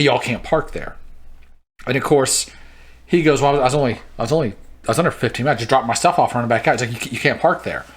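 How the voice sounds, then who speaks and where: A man co-hosting a podcast, telling work stories in casual chat and laughing as he goes. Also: medium pitch. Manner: animated, laughs through his stories. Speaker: podcast co-host.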